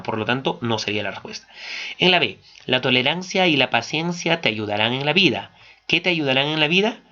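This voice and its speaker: Bright-voiced man explaining exam answers. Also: mid-range voice. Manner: steady explanatory, asks and answers own questions. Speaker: teacher. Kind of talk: exam question walkthrough. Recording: dull lo-fi recording.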